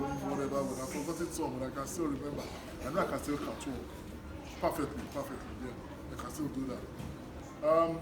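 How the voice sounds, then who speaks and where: A middle-aged man with a Nigerian accent, a guest speaker who works in education, gives a motivational talk to schoolchildren in short, emphatic, repeated phrases spoken deliberately. His voice is fairly high. The mic is distant in an echoey, noisy room at a live children's event, with small children heard in the background.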